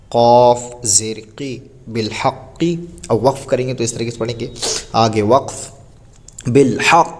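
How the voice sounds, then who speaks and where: A man teaching a Quran reading lesson. He spells words out slowly, letter by letter, and patiently answers his own questions. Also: mid-range voice. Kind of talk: recorded lesson.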